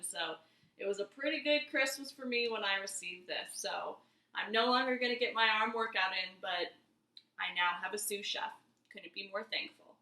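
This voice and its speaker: Young woman, twenties, chatty cooking vlog, crisp bright tone, roomy kitchen echo. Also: mid-range voice. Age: 20s. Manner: chatty, easygoing, talks viewers through each step. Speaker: cooking vlogger. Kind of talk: casual cooking demonstration. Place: home kitchen.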